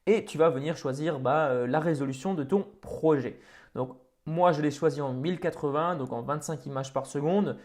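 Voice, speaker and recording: Man in tutorial voice-over, a bit high, loose and chatty with fillers. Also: moderate pace, darkish tone. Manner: casual, many fillers and restarts. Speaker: tutorial host. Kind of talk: screen-recorded software tutorial.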